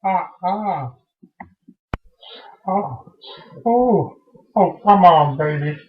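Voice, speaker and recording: Comedy bit: dirty old man, crooning low and slow, as a man puts him on, echoey lo-fi room. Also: animated, exaggerated voice. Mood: coaxing. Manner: low crooning come-ons.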